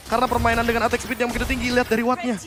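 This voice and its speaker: A male esports analyst with an Indonesian accent breaks down a live match. He talks quickly in a high voice. Loud music plays underneath. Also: monotone.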